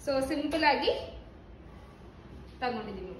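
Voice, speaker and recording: A woman's voice: sits high, lively intonation, measured pace, background noise. A young woman vlogging casually with her family, talking straight to her viewers as friends. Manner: chatty, addresses viewers as friends.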